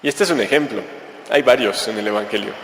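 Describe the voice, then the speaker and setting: A man giving a conversational sermon, explaining religious readings in a relaxed, storytelling way. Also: on the low side, fast talker, creaky, background noise. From Mexico. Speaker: preacher. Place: large church. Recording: echoey church with long reverb.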